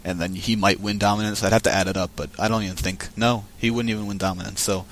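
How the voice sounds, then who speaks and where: A man's voice: lowish voice, fairly even intonation, fast, a little hiss or hum. A man giving casual, chatty commentary on a card game match, thinking aloud as he goes.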